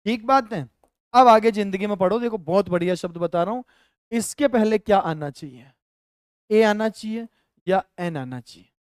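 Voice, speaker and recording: A man's voice: sits high, a little mellow, clean tone, no echo, studio quality. A male teacher with a Rajasthani Hindi accent, explaining grammar step by step in a live online lesson and talking to viewers as friends.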